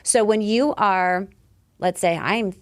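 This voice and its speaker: A woman in her forties speaks as a podcast guest, her pitch sitting squarely in the middle. She is emphatic and animated, pressing her points hard and swearing freely in casual conversation. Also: takes it slowly. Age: 40s. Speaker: podcast guest, lifestyle coach.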